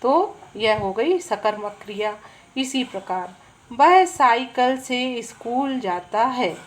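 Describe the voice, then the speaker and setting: A high-leaning, animated female voice, recorded at low quality with slight background noise, teaches Hindi grammar in an explanatory lesson. She uses everyday examples, poses questions and answers them herself, and paces things out slowly and deliberately, often checking in with "है ना".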